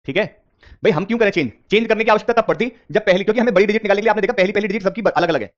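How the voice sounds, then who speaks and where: A man's voice: high voice, rapid-fire, lo-fi sound. A man teaching a reasoning class live online, repeating questions and coaxing his students with English terms mixed in.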